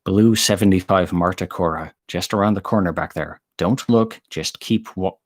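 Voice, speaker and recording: A man voicing a tense stranger who speaks in clipped, hushed, urgent tones. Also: low-pitched, moderate pace, no room sound, studio quality.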